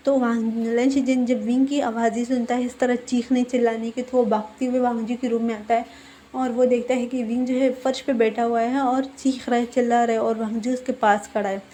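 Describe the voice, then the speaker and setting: A woman's voice: on the high side, little pitch movement, fairly quick, mellow, slight background noise. A woman casually retelling a fan fiction story in her own words, with fillers, reading out the characters' lines as she goes.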